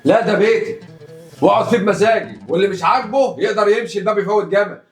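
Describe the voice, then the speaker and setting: An actor with an Egyptian accent playing a bossy, hot-tempered young husband who scolds fast. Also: male voice, sits high, faint music behind. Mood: angry. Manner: sharp, scolding, fast talk. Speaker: husband in a family drama.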